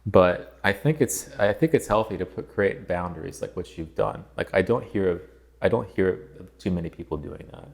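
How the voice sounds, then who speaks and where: A man with a very low voice hosts a relaxed conversation with a guest. He speaks casually, filling his sentences with "like" and friendly agreement. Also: moderate pace, gravelly. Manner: casual, many "like" fillers. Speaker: host, composer.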